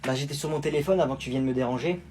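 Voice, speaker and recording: A man's voice: medium pitch, very fast, darkish tone, slight background noise. A man teasing and mocking in a casual comedy sketch.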